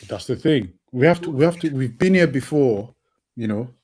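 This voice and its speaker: Co-hosting a football podcast, a man talks in an animated, husky, darkish mid-range voice at normal speed. The chat is casual; he's sniffly with hay fever and passionate, often repeating words mid-thought.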